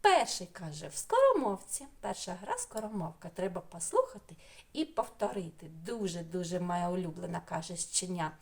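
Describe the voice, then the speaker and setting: A woman teaching a remote speech lesson to young children, sounding each syllable out clearly in a coaxing way. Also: on the low side, big pitch swings, normal speed.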